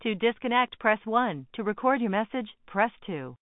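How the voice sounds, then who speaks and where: A woman's automated voicemail prompt voice, reading even, instructional menu options over a landline phone. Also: fairly high pitch, moderate pace, no echo. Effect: heard over a landline phone. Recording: dry tinny landline phone line.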